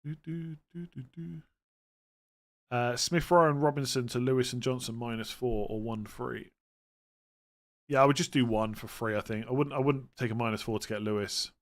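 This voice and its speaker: A man with a West Country accent hosts a casual livestream. He speaks informally at an average pitch, reading questions aloud and giving matter-of-fact answers. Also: fairly quick. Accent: West Country English. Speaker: fantasy football livestream host.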